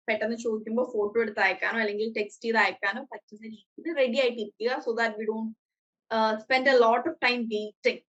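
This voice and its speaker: Over a video call, a woman with a Malayali accent teaches an online English class, switching between English and Malayalam and hesitating often with fillers. Her voice is a little high and a bit bright, and the audio quality is poor.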